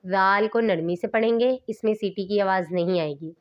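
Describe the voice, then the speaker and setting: A woman's voice: mid-range voice, highs cut off. A woman teaching Quran reading, patiently explaining and then carefully enunciating each letter sound in turn. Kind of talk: slow instructional recitation lesson.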